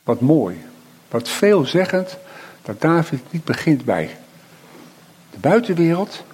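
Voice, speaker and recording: A middle-aged man preaching a sermon, reflective, with slow emphatic pauses and frequent tag questions. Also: fairly high pitch, very animated, a little mellow, slightly rough.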